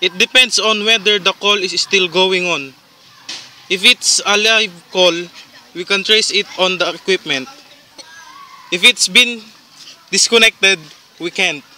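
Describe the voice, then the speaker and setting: A man playing an unhurried, officious chief telephone operator in an amateur radio play, with a formal, measured manner. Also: sits high, sharp tone, slight background noise, exaggerated voice, low-quality recording. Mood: calm, officious.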